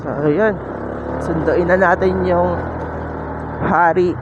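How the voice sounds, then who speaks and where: A woman's voice: fairly low pitch, fairly even intonation, slow pace, lo-fi sound. A woman motorcycle vlogger and mother chatting casually outdoors on a street, laughing often. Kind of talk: casual vlog chat. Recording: loud street traffic noise. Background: loud traffic.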